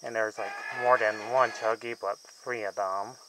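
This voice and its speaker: A man's voice: on the low side, fairly even intonation, normal speed, background noise. Rambling man reviewing films casually. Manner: rambling and loosely strung, trailing off mid-thought. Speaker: movie reviewer.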